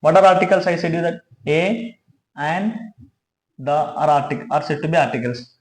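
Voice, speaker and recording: High-voiced teacher in an echoey room. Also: male voice, normal speed. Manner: explains with many restarts and checking "right?". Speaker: English grammar teacher. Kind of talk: classroom grammar lesson. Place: classroom with a board.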